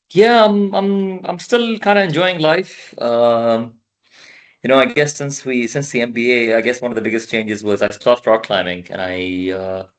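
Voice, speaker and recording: A man from the Emirates in his thirties speaks with a very low voice. He talks casually over a video call, pausing and repeating words while he gathers his thoughts. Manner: halting, repeats words while thinking aloud. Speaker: podcast guest. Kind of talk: casual conversation.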